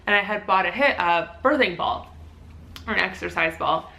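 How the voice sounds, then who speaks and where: A young woman with a bright voice tells a personal story to camera in a casual way. She is animated, fills her talk with "like", and slips into little acted voices for other people. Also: fairly low pitch, moderate pace, vocal fry. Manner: animated, acts out quoted voices, many fillers like "like". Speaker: vlogger and new mother.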